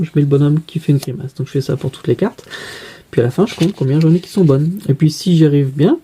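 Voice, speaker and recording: A male teacher with a very dark, mellow voice and a husky edge. He talks through a spelling lesson patiently, asking a question and then answering it himself step by step. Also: mid-range voice.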